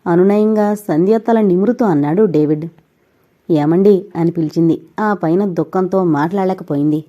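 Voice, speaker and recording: A woman narrating an audio novel in a steady storytelling manner. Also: on the low side, brisk. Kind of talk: scripted narration. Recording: dull lo-fi recording.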